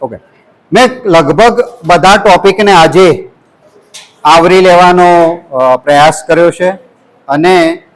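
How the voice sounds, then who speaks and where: Gujarati man running a class workshop, high voice, lively and chanting with students. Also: slow, pauses often, poor audio. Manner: lively, leads call-and-response chants. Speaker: workshop instructor. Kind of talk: classroom lecture to student teachers. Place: college lecture hall.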